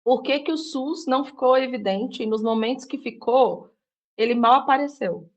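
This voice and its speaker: A woman's voice: sits high, normal speed, highs cut off. A woman who works in public mental health care talks through her doubts in a casual discussion. She questions and reflects as she goes, padding her sentences with small fillers.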